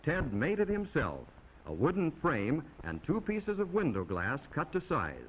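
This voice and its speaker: On a dull, noisy 1950 film soundtrack, an American man narrates a classroom film in a folksy, instructive manner, tossing chatty asides to young viewers. His voice sits a little high, with wildly swooping pitch and an unhurried delivery.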